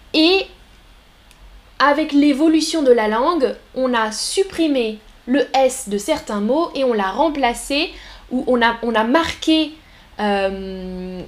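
Woman, French teacher on a live stream, slightly high voice, patient explanations, slow repeated examples, talks to chat. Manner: explanatory, repeats words slowly for learners, addresses chat. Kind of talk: live-streamed language lesson.

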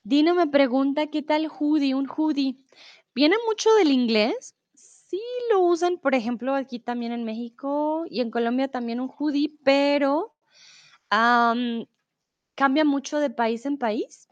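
This Spanish teacher has a high voice, heard on dull audio with no room sound. Teaching live online, she patiently reads out riddles in a slow, deliberate way and answers her students' chat replies, switching among Spanish, English and German to explain.

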